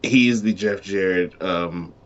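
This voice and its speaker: A man with a very deep voice speaks as a co-host in casual chat. He is hesitant and pauses often as he gives his take. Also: highs cut off, a little hiss or hum. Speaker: co-host giving opinions.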